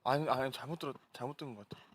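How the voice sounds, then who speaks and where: A man's voice: medium pitch, very fast, slightly rough, no room sound, studio quality. A young man in casual chat, reacting in a jumpy, flustered way as a member of a show.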